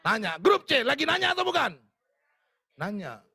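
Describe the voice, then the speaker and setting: A man's voice: very high-pitched, big pitch swings, normal speed, creaky, bright, forceful tone. A male pastor preaching a fervent sermon to a church congregation, often calling out to them directly. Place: church service.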